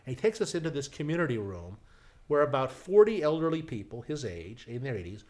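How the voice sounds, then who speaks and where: Middle-aged man telling a lively anecdote. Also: mid-range voice, fairly quick. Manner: lively storyteller, frequent restarts and asides. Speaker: guest, television writer. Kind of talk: casual anecdote in conversation.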